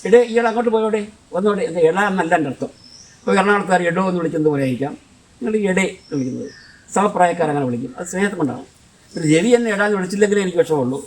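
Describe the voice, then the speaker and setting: A man's voice: sits high, animated, very fast, distant mic, low-quality recording. An older film director from Kollam with a Kollam Malayalam accent, telling rambling, conversational memories and often restarting his sentences. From Kollam, Kerala, India. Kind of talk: reminiscing storytelling.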